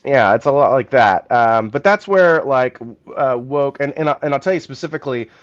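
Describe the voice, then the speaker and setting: A man's voice: mid-range voice, moderate pace, highs cut off. A man co-hosting a podcast, talking through a political topic in long, thinking-aloud explanations in a casual chat. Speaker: podcast co-host.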